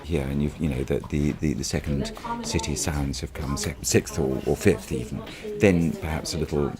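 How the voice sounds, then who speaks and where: A man's voice: very deep voice, moderate pace. A man working as a radio interviewer, chatting casually in a playful, teasing, mock-incredulous way. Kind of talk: casual interview with chorus members. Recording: loud crowd chatter behind. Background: busy crowd.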